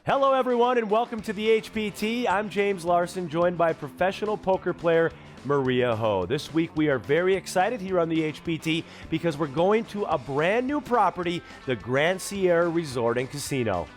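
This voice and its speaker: A man's voice: a little high, expressive, moderate pace, soft background music. A man hosting and commentating a televised poker tournament in an enthusiastic, friendly broadcaster manner. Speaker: host.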